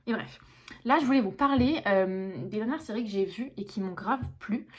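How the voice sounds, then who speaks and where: A young woman talking to her followers in a loose, chatty vlog. She speaks with everyday slang and lots of fillers, at a middle pitch. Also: moderate pace, husky. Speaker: vlogger. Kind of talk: casual vlog chat to camera.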